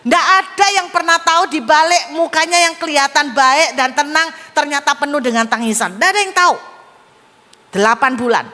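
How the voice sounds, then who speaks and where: A woman pastor preaching a sermon, telling stories that swing between emphatic and hushed, in a church hall with a long reverb. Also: sits high, fairly quick.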